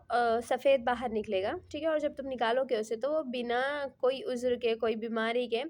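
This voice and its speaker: A high-pitched woman gives a Quran tafseer lesson. She recites each Arabic verse slowly and then explains it in Urdu sprinkled with English words. She keeps checking in with fillers and correcting herself mid-phrase. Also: darkish tone. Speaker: Quran teacher.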